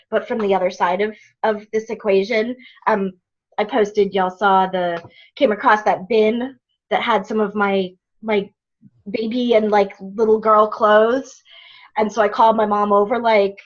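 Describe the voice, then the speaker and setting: A woman telling a long personal story in casual chat on a group video call, full of fillers and asides. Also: medium pitch. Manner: rambling storytelling with many fillers. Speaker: program participant. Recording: dull lo-fi video call audio.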